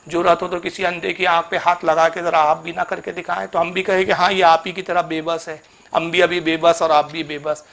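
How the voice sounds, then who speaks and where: A man's voice: on the high side, little pitch movement, brisk, creaky, fairly bright tone. A man giving a polemical religious lecture, reproachfully addressing his opponent and chanting Arabic verses. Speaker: Islamic cleric.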